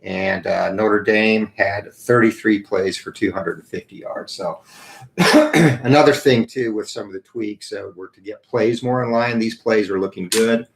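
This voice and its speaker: A man hosting a tabletop college football game, explaining rolls and play results with frequent pauses and a morning voice. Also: lowish voice, gravelly, low-quality recording. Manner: explains rules and dice rolls, many "uh" pauses. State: morning voice, clears throat.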